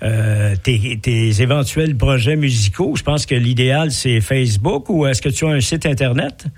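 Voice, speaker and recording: Un animateur de radio québécois qui mène une entrevue sur un ton détendu et blagueur. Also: male voice, mid-range voice, normal speed, darkish tone. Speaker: radio host. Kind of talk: casual radio interview.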